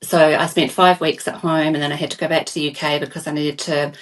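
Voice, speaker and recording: A woman from New Zealand, a podcast guest, speaking softly and earnestly and often repeating words as she starts a thought. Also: deep voice, flat delivery, quick pace, distant mic. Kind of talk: podcast interview.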